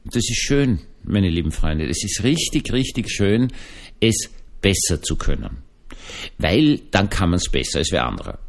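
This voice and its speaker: An Austrian man, a Protestant pastor, chats to his online audience in a loose, folksy way, circling back on his points. His voice sits a bit low but moves about very expressively. He speaks as someone who has only just recovered from an illness. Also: very animated, a little slow, vocal fry. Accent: Austrian German. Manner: chatty, rambling, folksy, addresses listeners directly. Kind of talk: casual spoken podcast reflection.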